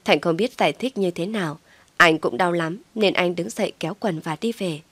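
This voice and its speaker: A woman's voice: on the low side, moderate pace, a bit bright, slightly rough, no room sound. A woman narrating a drama story, reading evenly and steadily.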